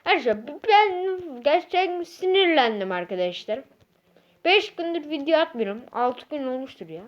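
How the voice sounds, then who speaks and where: A woman's voice: sits high, big pitch swings, moderate pace, lo-fi sound. A woman giving casual gameplay commentary as a YouTuber, ranting in an agitated way and repeating herself a lot. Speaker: gaming YouTuber.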